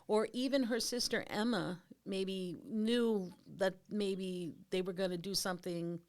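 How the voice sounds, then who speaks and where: A woman hosting a casual discussion, asking long, rambling questions in an animated way. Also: mid-range voice, unhurried. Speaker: host.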